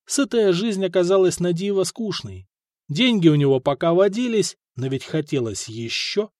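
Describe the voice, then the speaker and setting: Guy reading an audiobook, lively storytelling voice, dry close sound. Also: high voice, normal speed, no echo. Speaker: audiobook narrator. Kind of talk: scripted narration.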